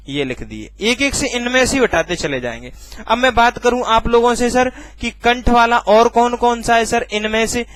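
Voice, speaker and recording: A male teacher giving a lesson, asking questions and answering them himself, and repeating key words slowly to drill them in. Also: sits high, a bit bright, no echo. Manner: calls listeners bhai and sir colloquially. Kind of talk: recorded classroom lesson.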